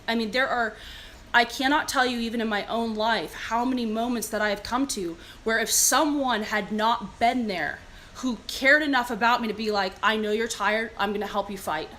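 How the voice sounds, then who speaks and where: A woman with a Californian American accent and a fairly high voice speaks straight to her live stream audience. She sounds earnest and emphatic, like someone giving a motivational talk, but keeps it conversational. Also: fairly bright tone, slight background noise. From California, United States. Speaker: fitness leader and live streamer.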